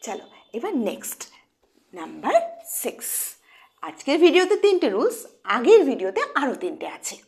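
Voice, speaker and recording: A woman's voice: high-pitched, wildly swooping pitch, normal speed, creaky, long pauses. A woman teaching English pronunciation to students, speaking Bengali as her first language. She asks questions and then answers them herself, in a coaxing way. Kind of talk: online lesson, explaining to students.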